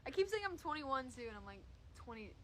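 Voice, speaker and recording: Her voice sits high and she talks at a quick pace, very animated. She is a woman in her twenties, a DJ and social media creator, rambling and swearing freely in a casual phone livestream to viewers from her room at home. A little hiss or hum is audible.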